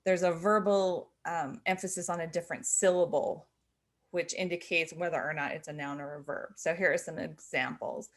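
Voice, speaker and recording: A woman's voice: lowish voice, fairly even intonation, moderate pace. A middle-aged woman teaching a lesson, explaining patiently with fillers and self-corrections. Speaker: sign language teacher. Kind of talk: instructional explanation.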